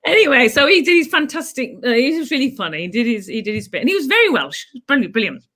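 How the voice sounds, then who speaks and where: Chatty middle-aged woman, high voice. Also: fast talker. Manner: chatty, animated storytelling with playful asides. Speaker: clowning teacher. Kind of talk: casual chat.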